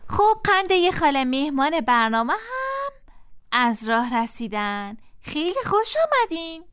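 Lively high-voiced female children's radio host. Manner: gentle, coaxing, playful.

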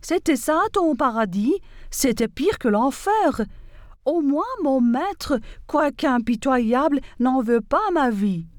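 A woman's voice: a little high, slow, pauses often, darkish tone, dry recording. Give me a naive, worn-out fable donkey, played by a woman, with a dry close sound. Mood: exasperated. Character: simple, overworked male donkey, naive and weary.

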